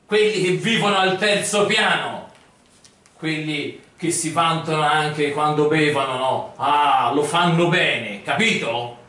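A man's voice: a little high, takes it slowly, pushed and bright. A middle-aged man playing a fussy, competitive neighbour in an amateur comedy sketch. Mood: indignant. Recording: very echoey room, far from camera mic.

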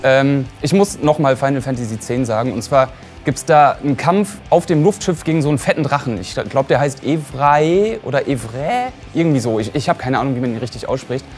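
A man telling a brisk, casual anecdote, a little unsure of details. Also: mid-range voice, darkish tone, soft background music. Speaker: games show regular.

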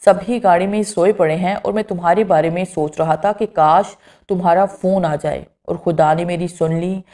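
A woman's voice: on the low side, steady tone, mellow, close to an everyday voice. A woman reading the lines of a cheerful young man who teases his sweetheart, in a storybook reading. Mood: teasing. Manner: playful, teasing.

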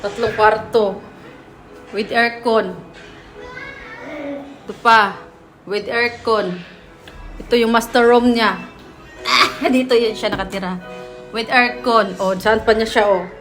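A woman's voice: a little high, steady tone, slow pace, long pauses, a bit bright, soft background music. A woman vlogger giving a teasing, playful house tour, laughing often as she chats.

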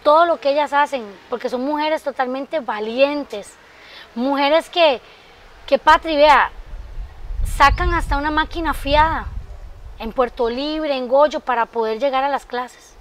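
Sewing teacher lady on a tv interview, really high voice, earnest and emphatic. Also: unhurried. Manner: heartfelt, emphatic, addresses the host by name. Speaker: guest, sewing workshop teacher. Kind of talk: interview answers.

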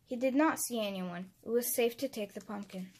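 A woman narrating a children's picture book aloud, clear and expressive. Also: on the high side, normal speed.

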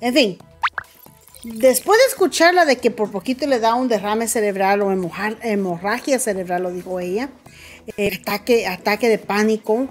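A woman's voice: medium pitch, normal speed, faint music behind. A woman hosting celebrity gossip commentary, telling the story in a dramatic, mocking way and calling her viewers family.

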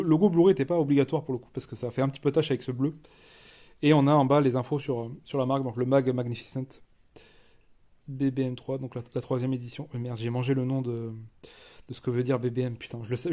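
A French-accented man talks through an unboxing in a loose, casual way. He stops and restarts often and fills the gaps with hesitations. His voice sits at an ordinary middle pitch for a man. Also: mellow. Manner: chatty, hesitant, many fillers and restarts. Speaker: collector reviewing a disc edition.

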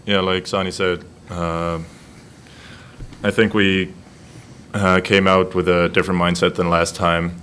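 A man's voice: deep voice, level tone, unhurried, pauses often, fairly bright tone, slight background noise. A young man, a college basketball player, answering postgame questions plainly and with some hesitation, seated at a table mic in a press room. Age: young adult.

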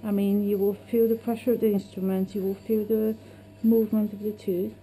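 A woman's voice: medium pitch, flat delivery, brisk, mellow. A woman dentist talking a patient through treatment in short, simple remarks. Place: small dental surgery. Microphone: action camera, slightly away. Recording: noisy clinic room on action camera.

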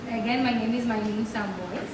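A Dominican woman whose first language is Spanish gives a motivational talk as a guest speaker in a hotel meeting room, sounding lively, upbeat and full of faith. Her voice sits on the high side at a normal speed. A distant camera picks her up from a podium mic on a stand, so the sound is roomy and echoey with some hiss and noise.

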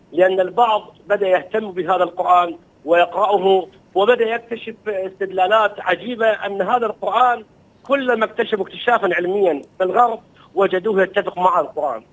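A man's voice: sits high, steady tone, fast talker, a bit bright, dull audio. A man, a religious scholar, answering an interviewer in a fluent, preaching manner. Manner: fluent, quoting and retelling stories with emphasis.

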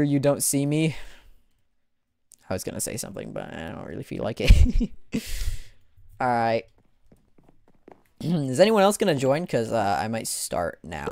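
Male livestreamer, excitable play-by-play commentary, unhurried delivery with a very animated pitch. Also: gravelly, dry recording. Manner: excitable, exclaims and laughs during play. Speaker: gaming livestreamer. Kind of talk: casual gaming livestream commentary.

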